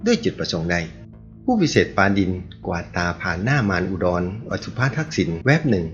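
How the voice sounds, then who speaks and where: A man narrating a martial arts novel aloud in a steady storytelling read, with faint music behind him on a dull, lo-fi recording. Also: sits low, a little fast.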